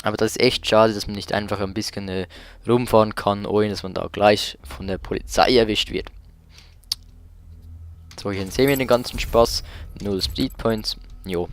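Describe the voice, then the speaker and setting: Speaking in a lowish, steady voice at a moderate pace, this male let's play host narrates his gameplay colloquially, with exclamations and light swearing. The recording carries loud background music and the roar of car engines from the game.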